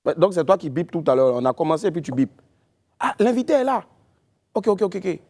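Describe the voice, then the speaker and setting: Energetic high-voiced African TV host. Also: male voice, brisk. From West Africa. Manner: lively, emphatic presenter with bursts of cheering. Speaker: talk show host. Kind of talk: TV talk show interview.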